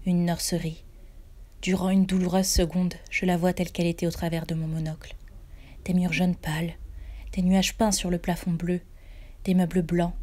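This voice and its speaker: A woman reading her own first-person fantasy story aloud, soft and hushed, sometimes dropping to near-whispers. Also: on the low side.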